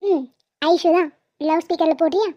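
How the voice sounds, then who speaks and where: A woman voicing a jealous, dramatic young wife in an animated comedy, whiny and accusing. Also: very high-pitched, moderate pace, no room sound. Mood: pouty. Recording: dull lo-fi sound.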